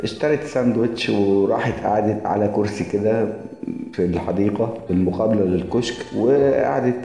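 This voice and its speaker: A man's voice: on the low side, brisk. Egyptian man telling a story in an echoey hall. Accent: Egyptian Arabic. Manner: relaxed, explanatory asides. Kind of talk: casual story narration. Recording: echoey hall with faint music.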